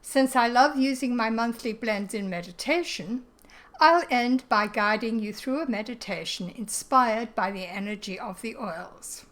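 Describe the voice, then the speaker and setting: A woman's voice: on the high side, measured pace, a bit bright. A woman reading a scripted introduction as channel host, sincere and evenly paced. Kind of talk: scripted narration.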